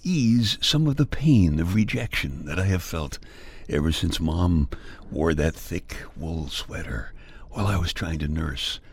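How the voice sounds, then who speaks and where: A man's voice: deep voice, animated, a little slow, breathy edge. An older man hosting a podcast in a playful, folksy monologue with mock-grumbling humor. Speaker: podcast host. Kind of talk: personal humorous storytelling monologue.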